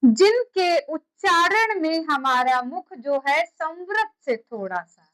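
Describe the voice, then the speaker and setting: A woman with a high voice gives a classroom lecture at an unhurried pace. She repeats each key term slowly and keeps asking her students questions. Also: animated, fairly bright tone, low-quality recording. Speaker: teacher.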